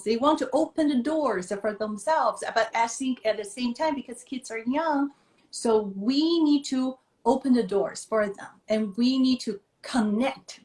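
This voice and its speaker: A Taiwanese-born woman, a children's author appearing as a guest, speaks in a fairly high, somewhat dark voice during a conversational interview on a live video stream. She sounds thoughtful and earnest, with slightly non-native phrasing and lots of fillers. The audio comes over a video call from an echoey room.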